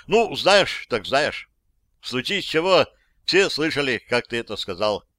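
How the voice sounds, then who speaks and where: A man's voice: mid-range voice, very animated, unhurried, a bit bright, no room sound, studio quality. Man playing a stern barking colonel. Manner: barking gruff orders. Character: stern commanding male colonel. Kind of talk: audiobook reading.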